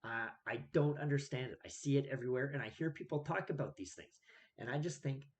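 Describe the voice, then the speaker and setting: A man's voice: medium pitch, brisk. Exasperated man ranting about his opinions. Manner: exasperated, emphatic, rhetorical questions. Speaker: vlogger. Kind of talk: solo opinion rant.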